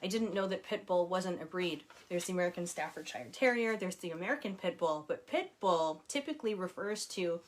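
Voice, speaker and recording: Animated and a little fast, she barely pauses, her voice on the lower side. The speaker is an author in her forties chatting casually from home, reading viewer comments out loud with warmth and plenty of laughs.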